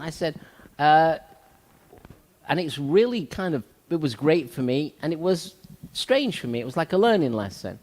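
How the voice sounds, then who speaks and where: A man hosting a talk show, speaking earnestly and motivationally as a salon owner, repeating his key points. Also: fairly high pitch. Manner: earnest, repetitive, motivational, with frequent fillers. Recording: long hall reverb.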